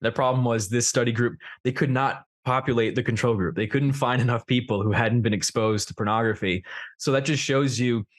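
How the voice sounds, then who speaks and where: A man's voice: mid-range voice, fairly even intonation, brisk. A young man hosting a podcast, conversational and thoughtful, with plenty of fillers as he talks. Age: young adult. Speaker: podcast host. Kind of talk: casual podcast interview.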